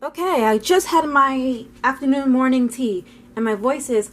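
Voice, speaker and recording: A woman's voice: high voice, moderate pace, soft background music. A woman vlogging as she paints, chatting casually and thinking aloud in a rambling way. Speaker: art vlogger. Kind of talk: casual narration while painting.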